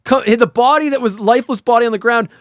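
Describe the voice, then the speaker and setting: A man co-hosting a casual film discussion, retelling things in an animated, sweary way and acting out quotes. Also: very high voice, quick pace, dry recording, clean studio sound. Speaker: podcast co-host.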